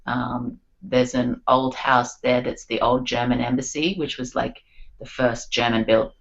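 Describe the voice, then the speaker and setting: Chatty woman with gravelly fry. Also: very deep voice, flat delivery, measured pace, highs cut off. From Australia. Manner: chatty, lots of "like" and "um". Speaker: guest singer-songwriter. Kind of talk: casual podcast chat.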